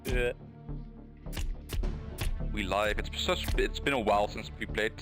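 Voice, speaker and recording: A man streaming a co-op survival game, excitable, swearing and laughing a lot. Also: fairly low pitch, measured pace, over music. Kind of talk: casual gaming chat.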